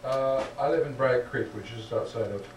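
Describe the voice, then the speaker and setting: A mid-range male voice at normal speed answers audience questions in a public talk Q&A, earnest and repeatedly checking "okay?". Faint music sits behind, and the sound is roomy and distant, as in a hall, with faint noise.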